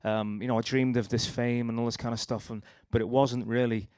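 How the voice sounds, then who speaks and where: A man's voice: mid-range voice, flat delivery, fairly quick, darkish tone, smooth, no echo, clean studio sound. A young man with a Liverpool accent giving a rambling personal testimony, telling his story with restarts and acted-out quotes. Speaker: speaker sharing a testimony.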